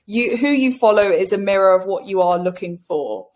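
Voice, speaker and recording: A woman coach in a casual interview, bubbly and animated, with a casual swear now and then. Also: medium pitch, normal speed. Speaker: guest coach.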